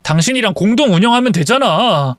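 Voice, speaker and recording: A man's voice: high voice, animated, a little fast, no echo. A man voicing a deceitful young husband who stammers and pleads with excuses in a dry recording. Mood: pleading. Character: lying, groveling young husband caught cheating.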